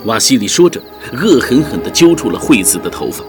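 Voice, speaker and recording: A man narrating a dramatic audiobook story in a vivid, expressive storytelling voice, over background music. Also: mid-range voice, fairly quick.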